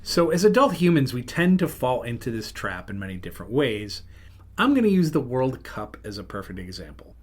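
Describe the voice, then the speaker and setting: A man's voice: medium pitch, very animated, fairly quick. Rambling middle-aged male podcast host. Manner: rambling, self-interrupting anecdotes. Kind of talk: casual storytelling.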